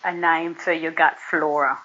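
A woman's voice: deep voice, little pitch movement, a little slow, pushed and bright. A middle-aged woman, a guest nutrition expert, explaining food and gut health in a chatty, practical way with everyday examples. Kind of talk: casual explanatory chat. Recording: dull lo-fi audio.

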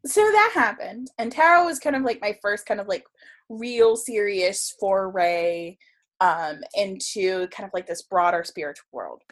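A woman telling stories in casual conversation, chatty and animated, laughing often and full of fillers. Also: medium pitch, unhurried. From South Florida region of the United States. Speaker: podcast guest, tarot reader.

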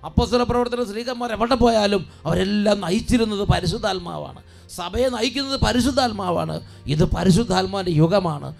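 A preacher man with a high, gravelly voice delivers a fervent sermon. He repeats his phrases for emphasis and stretches important words out slowly, with soft music playing faintly behind him. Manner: calls the congregation to shout responses.

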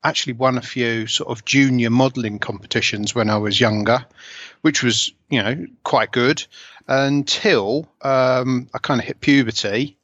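A man's voice: mid-range voice, steady tone, normal speed, a bit bright, dry recording. A man in his forties with an Essex accent, chatting casually and self-deprecatingly about himself as an interview guest. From Essex, England. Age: 40s. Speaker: interview guest, scale model hobbyist. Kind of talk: casual conversation, telling life story. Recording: slightly dull, lo-fi voice recording.

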